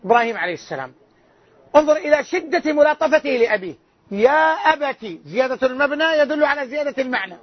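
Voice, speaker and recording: A loud-voiced man teaching a religious lesson as a sheikh, quizzing his listeners with rhetorical questions. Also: extremely high pitch, lively intonation, rapid-fire. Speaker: sheikh teaching a hadith class. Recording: dull lo-fi lecture recording.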